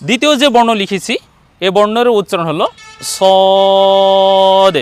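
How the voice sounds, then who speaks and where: A man teaching Arabic letter sounds in an online lesson, patiently repeating each letter slowly for viewers to copy. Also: sits high, animated, clean tone. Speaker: Quran teacher.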